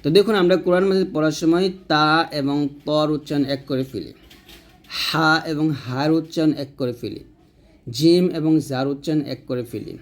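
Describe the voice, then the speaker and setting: A man teaching Quran reading in a recorded tutorial, stretching out letter drills slowly between brisker explanations. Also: a little high, darkish tone. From Bangladesh.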